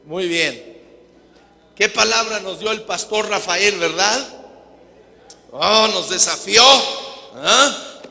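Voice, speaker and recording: High bright preacher guy in a church hall with a long echo, keeps asking the crowd stuff. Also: gravelly. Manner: quizzes the audience with quick questions. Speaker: guest preacher. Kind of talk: sermon with jokes to a congregation.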